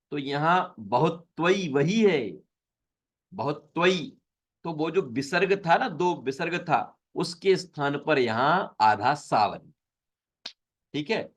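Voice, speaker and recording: Slow, patient male teacher on a video call. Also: on the high side. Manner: slow, patient explaining, repeating terms. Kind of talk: online class on Sanskrit sutras.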